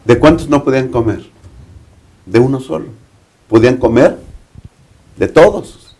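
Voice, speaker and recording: Un hombre mexicano que explica un texto bíblico en un panel, con preguntas retóricas. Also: male voice, medium pitch, unhurried, mellow, breathy edge. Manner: explanatory, asks rhetorical questions. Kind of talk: Bible study panel discussion.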